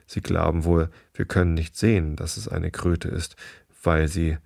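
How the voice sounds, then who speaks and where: A man's voice: low voice, little pitch movement, measured pace, gravelly, darkish tone, dry recording, clean studio sound, exaggerated voice. A man voicing a flock of scornful swans in a read-aloud storybook, mocking and jeering.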